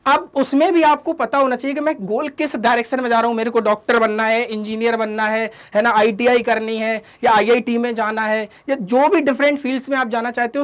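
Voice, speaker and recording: Guy teacher doing a study motivation talk, talks fast, scolds kids kinda fatherly, tosses in english phrases. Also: very high voice. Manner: scolding and fatherly, addresses listeners as "beta", asks rhetorical questions; mixes English catchphrases into the lesson.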